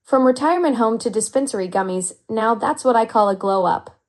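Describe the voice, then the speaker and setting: A woman's voice: a little high, brisk. Upbeat synthetic woman AI assistant. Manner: upbeat, flattering, smoothly even delivery. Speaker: AI chat assistant. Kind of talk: conversational AI reply.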